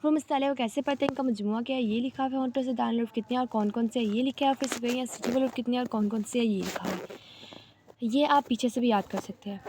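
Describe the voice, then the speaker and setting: A woman teaching a reading lesson step by step, patient and slow, repeating each rule. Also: a little high, background noise. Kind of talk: step-by-step Arabic letters lesson.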